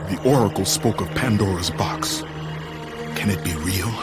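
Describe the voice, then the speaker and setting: An actor playing a grim, haunted Spartan warrior in a video game cutscene, with a harsh, growling delivery. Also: male voice, deep voice, normal speed, close to an everyday voice. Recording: loud music behind.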